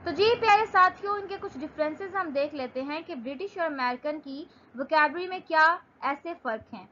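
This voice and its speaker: A young Pakistani woman teaching English in an online lesson. She reads English definitions out slowly and then explains them in Urdu. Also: high-pitched, lively intonation, pushed and bright, lo-fi sound.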